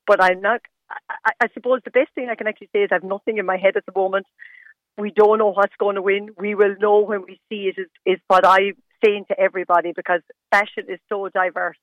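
A woman's voice: mid-range voice, little pitch movement, fast talker, no room sound. A woman with a west of Ireland accent talks as a phone-in radio guest. She makes her points emphatically, repeating them in short phrases. Her voice comes down a dull, narrow telephone line with no room sound around it. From Galway, west of Ireland. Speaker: interview guest, stylist and fashion competition judge. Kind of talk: live radio phone interview.

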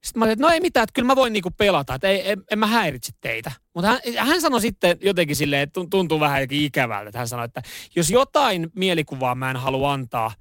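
A man's voice: on the high side, very animated, a bit bright, no echo, clean studio sound. A man co-hosting a radio show, telling stories in casual chat with lots of fillers and laughter. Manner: chatty, laughing storyteller with many fillers. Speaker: radio co-host.

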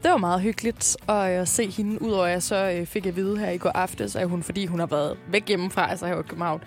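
A woman's voice: on the low side, steady tone, faint music behind. A woman from Jutland, a radio co-host chatting casually and teasing her partner. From Jutland, Denmark. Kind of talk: casual chat.

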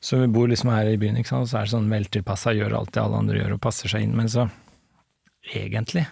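A man's voice: fairly low pitch, little pitch movement, gravelly, a little mellow, slightly rough, no room sound. A man as a podcast guest, chatting in a reflective, musing way and reading passages aloud from a book.

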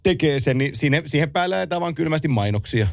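A man chatting casually about sports, telling animated stories and laughing often. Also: fairly high pitch, vocal fry, no echo, studio quality.

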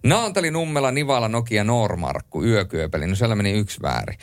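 A man's voice: fairly low pitch, big pitch swings, dry recording. A man co-hosting late-night radio from a studio, playfully quizzing listeners and joking with his co-host. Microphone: studio microphone.

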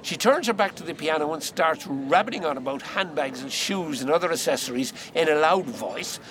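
An actor playing a cocky, wisecracking male pub piano player, telling his story with lively mimicry. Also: fairly high pitch, fairly quick, crowd noise, natural voice.

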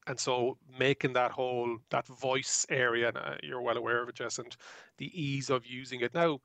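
A man's voice: mid-range voice, fairly even intonation, normal speed, creaky, fairly bright tone, dry recording. A man talking conversationally as a guest electric car reviewer, explaining tech with enthusiasm and voicing little examples.

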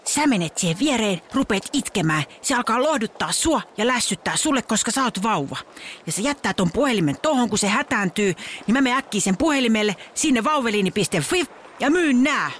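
A woman's voice: a little high, animated, fairly bright tone, slight background noise. A woman doing a bossy scheming baby boy. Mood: plotting. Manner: bossy, quick plotting orders. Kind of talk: children's story acting.

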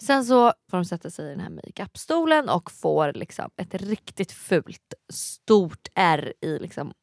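A woman co-hosts a relaxed podcast chat. She keeps reacting with short exclamations and recounts stories in a conversational way. The sound is dry and close. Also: fairly low pitch, creaky, no room sound. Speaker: podcast co-host. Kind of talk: casual chat.

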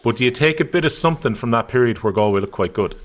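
A man's voice: medium pitch, lively intonation, quick pace, a bit bright. A man with an Irish accent hosting a sports discussion in a conversational style. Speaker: sports show host.

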